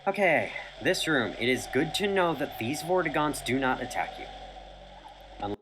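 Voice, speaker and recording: A man's voice: on the high side, lively intonation, moderate pace. A man narrating his video game playthrough in casual let's play commentary on a noisy older gameplay recording.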